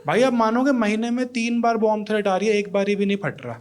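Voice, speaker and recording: Guy doing standup in a club, kinda high voice, ribs the crowd, noisy live audio. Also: fast talker. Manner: crowd work, teasing the audience and judges; acts out quotes in other voices. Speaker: stand-up comedian. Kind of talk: stand-up comedy set. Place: comedy club with live audience.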